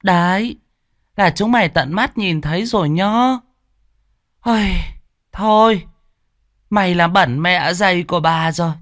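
A man's voice: high voice, fairly bright tone, dry recording, clean studio sound, pitched above the performer's own voice. A man voicing a greedy, abusive old landlady who screeches and scolds. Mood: shrill scolding. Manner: screeching, scolding, drawn-out fillers.

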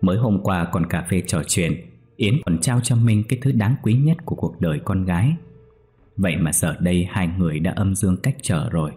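A man narrates a ghost story in a steady, somber storytelling voice. His tone is deep and mellow, with faint music underneath. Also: a little fast.

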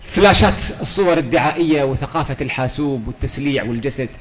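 A man's voice: medium pitch, quick pace, a little hiss or hum. A man giving a religious lecture, telling stories in a fervent, pleading way. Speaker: preacher.

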